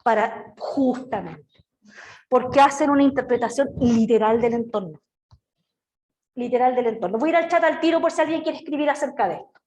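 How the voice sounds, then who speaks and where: A woman's voice: a little high, normal speed, a little hiss or hum. A middle-aged woman with a Chilean accent teaching an online class in a chatty way, often checking in with her students. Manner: lively, chatty, asks "¿ya?" and "¿cierto?" often. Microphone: video call.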